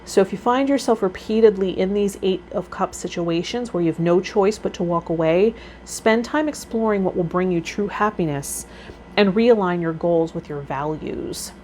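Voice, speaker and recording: Reading tarot card meanings aloud for her vlog series, a woman who is also a healer mixes in casual commentary of her own. Her voice is medium-pitched and darkish in tone at a normal speed, and background noise is noticeable.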